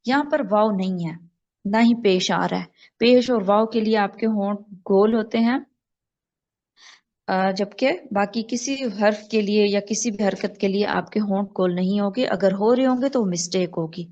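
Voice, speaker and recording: A woman leads an online tajweed lesson, explaining pronunciation patiently and repeating phrases slowly. Her voice sits mid-range for a woman. The call audio is slightly muffled. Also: mid-range voice, a little mellow. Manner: patient, instructive, models recitation slowly. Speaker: Quran recitation teacher.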